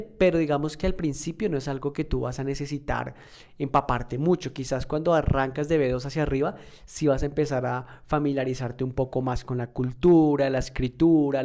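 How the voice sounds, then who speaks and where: A man's voice: medium pitch, darkish tone, lo-fi sound. A man teaching a casual spoken lesson, conversational and explanatory, often checking in with his listener. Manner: conversational, checks in with "¿listo?" and "¿verdad?"; fillers and restarts, measured explaining. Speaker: English teacher.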